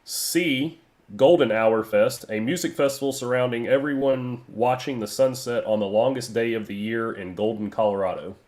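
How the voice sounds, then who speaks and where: A man's voice: medium pitch, moderate pace, darkish tone. A man hosting a trivia game on a podcast in a joking, rambling way, stopping to hunt for words. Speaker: trivia quiz host, guest. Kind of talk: casual podcast quiz.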